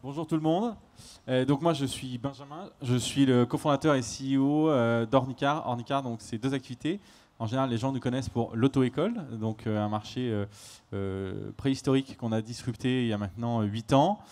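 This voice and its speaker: A man, a company cofounder and CEO, presenting his business on a conference panel in a measured way. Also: medium pitch, darkish tone.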